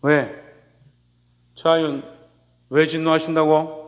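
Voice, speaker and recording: A man's voice: a little high, level tone, takes it slowly, long reverb tail. A man preaching a sermon as pastor, asking the congregation rhetorical questions and calling on members by name. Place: church sanctuary.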